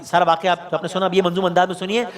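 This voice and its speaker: High-voiced man telling a devotional story. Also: level tone. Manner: dramatic, poses rhetorical questions, repeats key phrases. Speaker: religious storyteller and host. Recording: long reverb hall.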